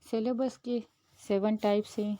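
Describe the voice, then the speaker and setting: A woman, the host of her own channel, who explains a grammar lesson in a steady, patient way and mixes English terms into her Hindi. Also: mid-range voice, measured pace, no echo. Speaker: teacher.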